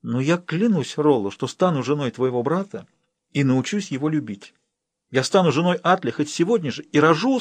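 A man's voice: on the high side, no room sound, voice pushed up. A man reading an audiobook, voicing a proud young woman torn between love and duty, pleading, then firm.

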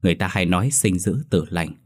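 A man's voice: sits low, expressive, quick pace. A man reading the lines of a worried middle-aged village wife, anxious and pleading.

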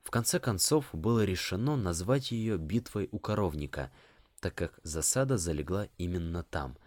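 Deep-voiced male audiobook narrator. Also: expressive, a little mellow, dry recording. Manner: measured, storytelling. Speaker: audiobook reader.

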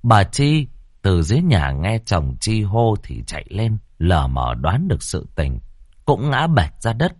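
A man's voice: fairly low pitch, huge pitch swings, measured pace, darkish tone, no room sound, studio quality. A man narrating a ghost story with dramatic suspense.

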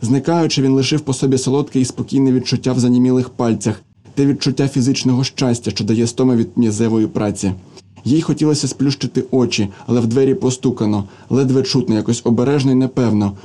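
A man narrating a literary novel as an audiobook, in a steady, even manner. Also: mid-range voice, quick pace.

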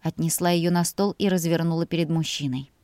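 A woman narrating a story in the first person with a measured, emotional reading. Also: deep voice, fairly even intonation, dark tone, no echo. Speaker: audiobook narrator.

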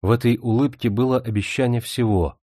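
A man's voice: mid-range voice, steady tone, a little fast, dark tone, no echo, studio quality, close to an everyday voice. A man voicing a despairing, jealous older sister, a young woman who speaks in anguished, pleading tones.

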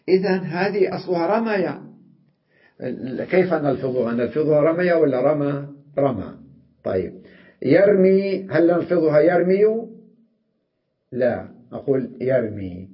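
A man teaching an Arabic grammar lesson, explaining patiently and repeating example words slowly. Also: mid-range voice, highs cut off.

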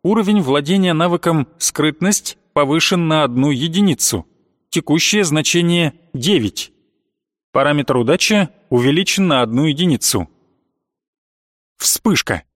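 A man giving measured, scripted narration of a fantasy audiobook. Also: fairly high pitch, lively intonation, no echo, clean studio sound.

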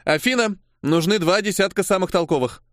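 A fierce young priestess with sharp teeth, bold and commanding, as a male audiobook narrator puts her on. She teases and snaps out orders in a lifted voice. The recording is dry and close. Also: high voice, brisk, dry recording, voice pushed up. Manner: bold, teasing, barks commands.

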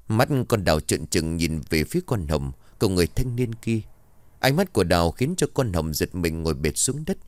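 Một người đàn ông kể truyện ma kinh dị một cách kịch tính, sinh động. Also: male voice, low-pitched, dry recording. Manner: dramatic, vivid narration. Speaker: storyteller. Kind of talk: horror story narration.

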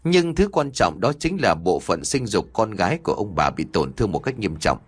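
A man voicing a middle-aged doctor in an audio story, measured and brisk. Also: fairly low pitch, big pitch swings, slightly rough. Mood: calm.

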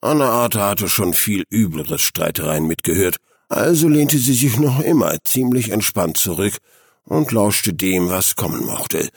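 A man narrating an audiobook in a calm, even reading. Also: fairly low pitch, measured pace, slightly rough, no echo, studio quality.

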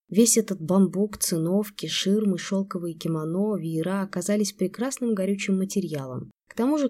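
Woman reading an emotional young woman, shaky and tearful, husky low voice, audiobook. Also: mellow.

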